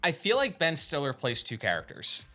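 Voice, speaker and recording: A man's voice: a little high, huge pitch swings, normal speed, pushed and bright, soft background music. A man in a casual movie discussion as a host, hesitant and repeating words as he thinks aloud.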